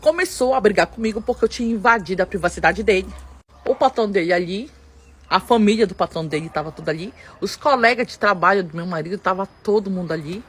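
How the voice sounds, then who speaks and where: A woman with a Brazilian Portuguese accent tells a dramatic first-person story, often turning to speak straight to her listeners. Her mid-range voice is fast, slightly rough and animated.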